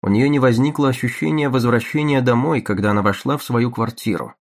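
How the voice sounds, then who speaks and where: A man narrating an audiobook in a measured, even reading manner. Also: medium pitch. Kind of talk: scripted narration.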